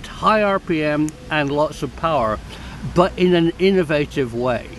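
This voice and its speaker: Outdoors in a garden, an older man with a fairly high voice talks close to a handheld camera in wide-angle selfie framing, casually reviewing a chainsaw. A science filmmaker and farmer, he explains its engineering with enthusiasm, breaking into short laughs mid-sentence.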